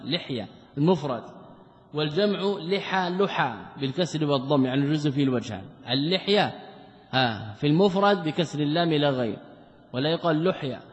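A male scholar giving a religious lesson, reading passages from a commentary and explaining them with rhetorical questions. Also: a little high. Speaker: Islamic scholar teaching a text. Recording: muffled, echoey lecture hall recording.

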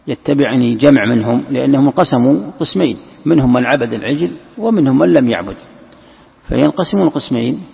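A man's voice: mid-range voice, gravelly, husky. A male scholar giving a commentary lesson, explaining and repeating phrases for emphasis. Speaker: Islamic scholar teaching Quran commentary. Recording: lo-fi lecture recording in a reverberant hall.

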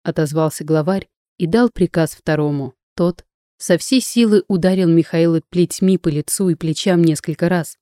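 Warm low-voiced woman narrating. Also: normal speed, no echo, studio quality. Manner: steady, dramatic storytelling. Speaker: audiobook narrator. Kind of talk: scripted narration.

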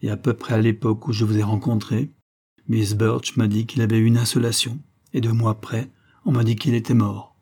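A man's voice: fairly low pitch, little pitch movement, a little fast, warm tone, breathy edge. A man voicing a bitter young wife in an audiobook, speaking coldly and defiantly, breaking into angry outbursts. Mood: mocking grief.

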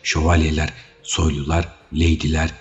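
A man narrating an adventure audiobook in a measured, dramatic reading. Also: a bass voice, little pitch movement. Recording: dull audio with faint music.

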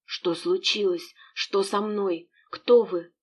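A woman's voice: mid-range voice, steady tone, slow pace, slightly rough. A woman reading the part of an injured, bewildered older man who has just come to. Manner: weak, puzzled.

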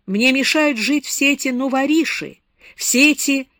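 A woman's voice: high-pitched, a little slow, fairly bright tone, no echo, clean studio sound, pitched above the performer's own voice. A woman reading an audiobook, voicing a proud young aristocratic woman who speaks with emotional indignation. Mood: indignant.

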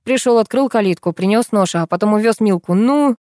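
A woman voicing a coarse, furious man who yells and swears, reading a story aloud. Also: mid-range voice, brisk, no echo, studio quality, voice pushed up, close to an everyday voice. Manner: yelling, swearing, explosive.

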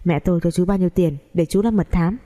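A woman's voice: fairly low pitch, fast, dark tone, close to an everyday voice. A woman voicing a young male company boss with a curt, stern way of talking. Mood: angry.

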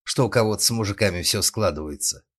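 A man's voice: lowish voice, fast, fairly bright tone. A man voicing a brash, tipsy, impulsive young woman in an audiobook, speaking flippantly.

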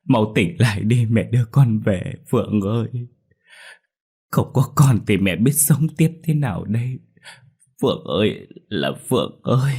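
A man's voice: fairly low pitch, animated, a little slow, creaky, darkish tone, slightly rough, heavily acted. A man voicing a grieving older mother who wails over her dead daughter in a ghost story. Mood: wailing grief. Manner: wailing, sobbing laments.

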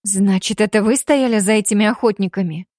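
Woman reading as a young captive girl, quiet and resigned but stubborn, dry audiobook sound. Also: mid-range voice, a little fast, dry recording, close to an everyday voice. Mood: defiant. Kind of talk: audiobook character voice.

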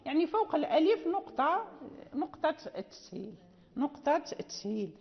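High-voiced woman teaching recitation rules. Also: very animated, gravelly. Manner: explanatory, repeats terms and slowly recites example verses. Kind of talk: classroom lecture on recitation rules. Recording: dull, reverberant lecture recording.

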